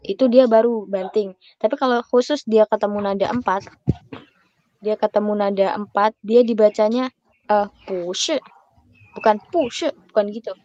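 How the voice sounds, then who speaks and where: Mellow-voiced young woman tutoring online. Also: mid-range voice, fairly even intonation, moderate pace, dry recording, dull audio. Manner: patient, chatty, laughs easily. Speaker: Mandarin tutor. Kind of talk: casual private lesson.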